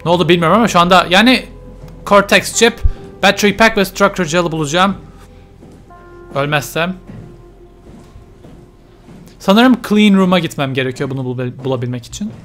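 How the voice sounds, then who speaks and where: A man's voice: high voice, moderate pace, long pauses, a bit bright, faint music behind. A man commentating a horror video game, nervous and muttering to himself as he plays. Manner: jittery, mutters to himself while playing. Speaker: let's play gamer.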